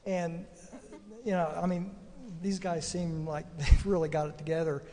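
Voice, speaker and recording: An older man giving marriage advice in a slow, wry, self-deprecating way. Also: a little high, fairly even intonation, mellow. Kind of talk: casual advice talk. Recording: long hall reverb.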